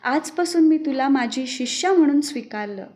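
A woman reading the gentle words of a serene saintly male guru in a devotional storybook, speaking slowly and calmly. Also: high voice.

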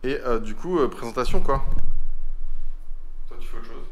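A man's voice: medium pitch, moderate pace, a bit bright, a little hiss or hum. A man from France chatting casually to the camera in a travel vlog, amused and talkative. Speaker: vlogger on a road trip.

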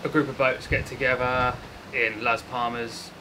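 A man's voice: mid-range voice, flat delivery, normal speed, background noise. A man, chatting casually and joking on a sailing catamaran. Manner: jokey, laughs easily. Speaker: sailing vlogger. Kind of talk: casual chat. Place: outdoors on a sailing catamaran at sea.

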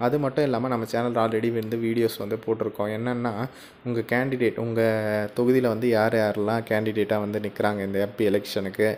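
His voice sits on the low side, level and a little mellow, and he talks fast over slight background noise. As host of a tutorial channel, he chats through a casual screen recording step by step, frequently asking the viewer "okay?"

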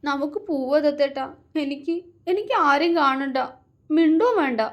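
A woman voicing a tearful young woman who clings to her beloved, speaking in a halting, sobbing voice. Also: sits high, sing-song, darkish tone, voice pushed up. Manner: sobbing, halting, repeating words.

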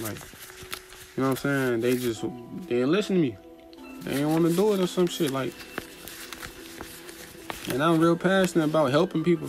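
Male vlogger, mid-pitched, profane and rambling, music behind. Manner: profane, slangy, rambling, gets animated. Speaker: motivational vlogger. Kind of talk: casual rambling monologue. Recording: clear music in the background. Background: music playing in the background.

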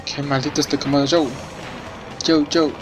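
A young let's play gamer gives live commentary on a racing game in a slightly high voice at a moderate pace. He's excitable, swears a lot and reacts loudly to the race over the game's music and sound effects.

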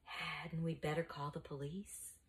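A woman's voice: low-pitched, flat delivery, unhurried. A woman reading a storybook aloud, voicing a timid young schoolboy who speaks anxiously. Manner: anxious, hesitant.

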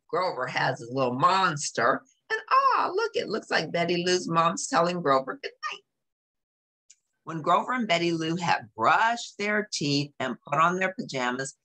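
Reading a storybook to little kids, this low-pitched woman keeps it expressive, explains as she goes, and drops in offhand remarks and exclamations.

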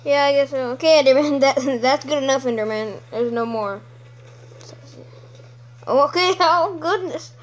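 Young woman streamer, high voice, loose rambling commentary, trips over words. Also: normal speed, long pauses, low-quality recording. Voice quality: rambling, stumbling, laughs often. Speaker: game streamer. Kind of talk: casual chat over gameplay.

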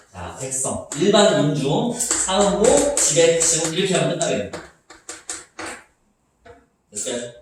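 A young male teacher gives a lively, chatty lecture, often asking a question and answering it himself. His voice sits a little high and swings widely in pitch. The sound is very echoey and comes from some distance from the mic. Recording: echoey room, mic far off.

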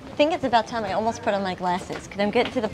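A woman's voice: medium pitch, expressive, rapid-fire. A woman with a New York accent, chatting casually as a local guide giving tips outdoors. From Long Island, New York. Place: outdoors, evening streets and harbor overlook. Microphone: clip-on lavalier. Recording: noisy outdoor street ambience.

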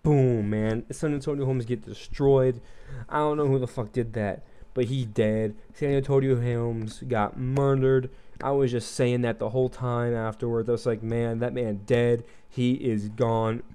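A man's voice: mid-range voice, steady tone, moderate pace, warm tone, clean tone. Rambling young man recapping a game. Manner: rambling and profane, trailing off with likes and ums. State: slightly froggy throat. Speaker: gaming commentator. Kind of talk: casual gameplay commentary.

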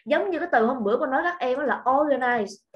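A female English teacher runs an online grammar class, explaining patiently and checking in with the students again and again. Her voice sits somewhat high. The sound is dull and lo-fi, as from a computer mic. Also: expressive, fast. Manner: patient, repeats points and checks understanding.

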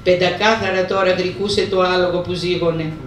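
A woman reading a novel aloud to a book club, expressive, slowing on tricky words. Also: fairly low pitch. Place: room at a hybrid reading-club meeting. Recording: roomy sound from far off with faint noise.

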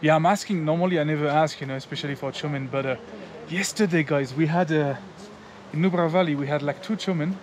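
A motovlogger in his thirties hosts a casual travel vlog, chatting with locals and the camera outdoors in a mountain village and inside a small roadside restaurant. Friendly and chatty, he uses lots of fillers and says "guys" to the camera, his voice high-leaning and fast, with a little hiss or hum.

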